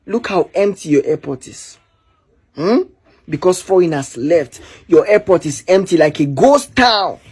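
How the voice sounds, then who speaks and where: Someone mocking the comments, husky voice, taunting tone. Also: mid-range voice, darkish tone. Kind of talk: taunting opinion monologue.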